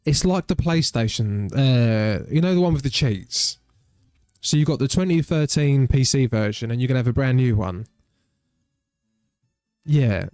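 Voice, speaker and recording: A man's voice: medium pitch, expressive, measured pace, long pauses, darkish tone, no echo, studio quality. A British man chatting casually and rambling while streaming a game. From Britain. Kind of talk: casual live-stream chat.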